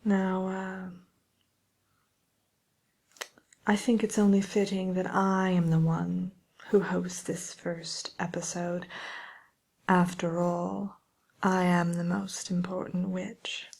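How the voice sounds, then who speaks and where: Woman playing the creaky, haughty Wicked Witch of the West. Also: fairly low pitch, fairly even intonation, slow pace, darkish tone, heavily acted. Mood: smug whispering. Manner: haughty, drawling, self-satisfied. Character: vain, condescending wicked witch from a fairy tale. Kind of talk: in-character ASMR chat show monologue.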